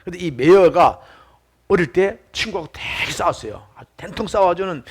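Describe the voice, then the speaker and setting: A man preaching a sermon as pastor, telling stories with lively acted-out quotes. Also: sits high, slightly rough. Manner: animated storytelling, acts out shouted quotes.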